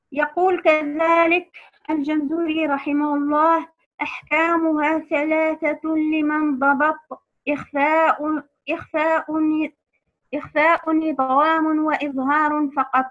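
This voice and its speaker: Female teacher, high voice, patient and repetitive delivery, dull lo-fi sound. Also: fairly bright tone. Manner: patient, repeats key terms slowly. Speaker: Quran recitation teacher. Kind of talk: tajweed lesson for women.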